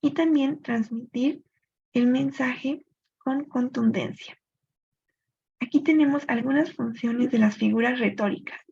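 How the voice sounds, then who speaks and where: Husky, gravelly woman teaching poetry rules. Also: high-pitched, a little mellow. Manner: clear explanatory pace with thinking-aloud pauses. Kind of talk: recorded literature lesson. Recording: dull lo-fi recording.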